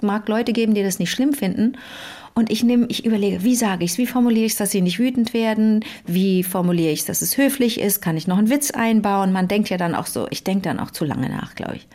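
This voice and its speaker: A woman's voice: mid-range voice, lively intonation, brisk, darkish tone. A woman co-hosting a casual phone chat, telling a long story with many fillers and restarts. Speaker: podcast co-host.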